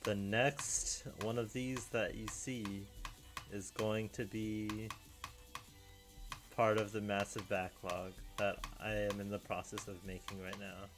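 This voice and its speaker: A young man talks slowly and flatly to his viewers, circling back over his own sentences as he goes. His voice sits a little low, and faint music plays underneath. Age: young adult. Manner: deadpan, rambling with restarts. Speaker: video creator. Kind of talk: casual solo chat.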